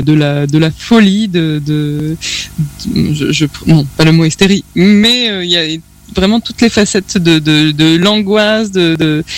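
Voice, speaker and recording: A woman singer as a guest in a radio studio interview, talking reflectively and hesitantly, pausing often to find her words. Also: lowish voice, a little mellow. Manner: reflective, hesitant with many pauses and fillers.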